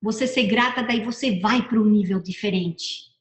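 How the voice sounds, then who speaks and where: With a medium-pitched voice at a moderate pace, a middle-aged woman offers a casual motivational talk. A personal development speaker, she's chatty and keeps repeating and correcting herself, recorded in a room with noticeable echo.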